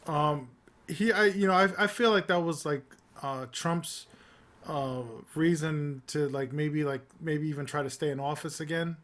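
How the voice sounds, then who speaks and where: A man with a slightly higher voice chats on a casual political podcast. He rambles and restarts his sentences, relaxed and conversational. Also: unhurried. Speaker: podcast co-host.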